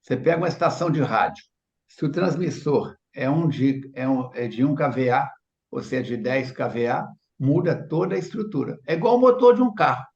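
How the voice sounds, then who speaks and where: A man's voice: mid-range voice, fairly quick, vocal fry, a little mellow, echoey room, highs cut off. A Brazilian man co-hosting a spiritist study, explaining ideas with everyday comparisons. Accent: Brazilian Portuguese. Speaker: study group co-host. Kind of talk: spiritist book study discussion.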